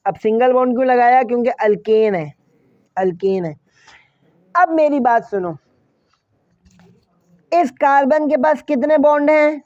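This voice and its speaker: A man with a very high, darkish voice delivers a classroom chemistry lecture at a measured pace, pausing often. He poses questions and answers them himself, repeats key phrases and addresses students directly; the audio is dull, with no echo.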